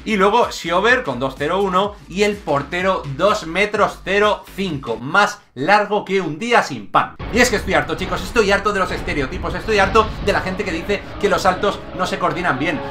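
Hyped guy commentating his football game, kinda high voice, jumps from yelling to muttering. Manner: excitable, jokey, rapid shifts between shouts and mutters. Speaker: gaming YouTuber. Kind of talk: energetic gameplay commentary.

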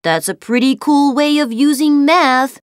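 A woman's voice: high-pitched, measured pace, no echo, clean studio sound, voice pushed up. A woman voicing an earnest, bookish young schoolboy who explains things with care. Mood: enthusiastic. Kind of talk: storybook character voice.

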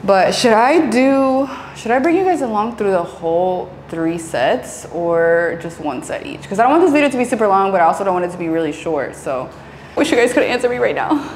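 Speaking briskly with lively intonation, a young fitness vlogger in her twenties chats to camera from her small home gym, giggling and mixing in Spanish phrases. Her voice is mid-range, captured on a lapel mic in an echoey room with a little hiss or hum.

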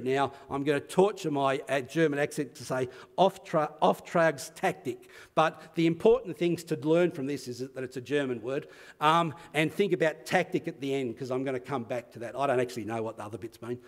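Man, Australian accent, conference talk, fairly high voice, earnest, self-deprecating. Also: darkish tone, big-room sound. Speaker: conference speaker. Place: conference venue.

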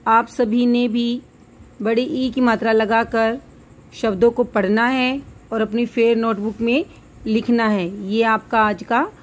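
A woman teacher, giving a children's phonics lesson, sounding out syllables clearly for young pupils. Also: on the high side, steady tone, slow. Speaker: primary school teacher.

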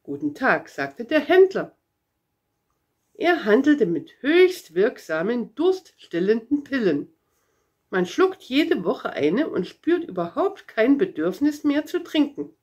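An older woman, a grandmother, reading a story aloud with a calm, expressive voice. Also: fairly high pitch, takes it slowly.

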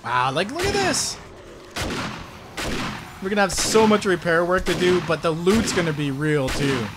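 A man with a high, keyed-up voice gives excited commentary over a video game. He keeps exclaiming and talks straight to his viewers. Loud gunfire and game noise run clearly under his voice. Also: normal speed. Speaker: gaming video host.

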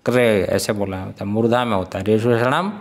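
This Vedanta teacher's voice is on the low side with fairly even intonation as he gives a scripture class. Often he puts questions to his listeners, chuckling and sounding out syllables slowly.

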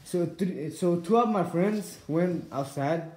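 A man's voice: high-pitched, slow, a little mellow. A young man hosting a casual challenge vlog. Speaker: vlog host. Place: small hotel room, indoors. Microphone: handheld phone camera. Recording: echoey hotel room, noisy handheld recording.

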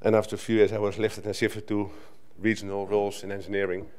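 A man's voice: fairly low pitch, flat delivery, fast, darkish tone, clear, resonant tone. Middle-aged Dutch man giving a conference talk. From Netherlands. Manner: conversational, with frequent restarts and filler "right?". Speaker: conference speaker. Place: conference hall stage at a lectern. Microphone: lectern microphone.

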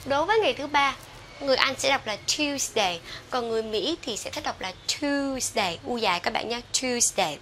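A Vietnamese woman with a Vietnamese accent giving an English pronunciation lesson, drawing out model words slowly between quick explanations. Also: high-pitched, lively intonation, fairly bright tone, slight background noise. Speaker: English teacher.

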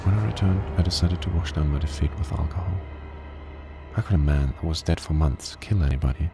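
A weary, grim private detective who narrates a horror game, his voice extremely deep and gravelly. The delivery is slow and flat, like noir storytelling. Loud game music plays behind him.

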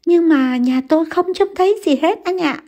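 A woman voicing an anxious young wife, speaking in a pleading, panicky higher voice. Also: animated, unhurried, darkish tone, husky. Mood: panicked.

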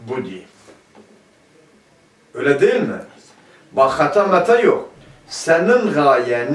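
A man teaching a grammar lesson, asking his class questions and answering them himself. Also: sits high. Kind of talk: classroom lecture. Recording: echoey room, mic at a distance.

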